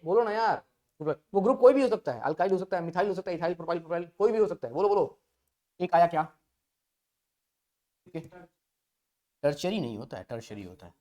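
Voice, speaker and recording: A man's voice: on the high side, darkish tone. A male chemistry teacher giving an online class in a playful, coaxing way, asking students questions and then answering them himself. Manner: playful, coaxing call-and-response.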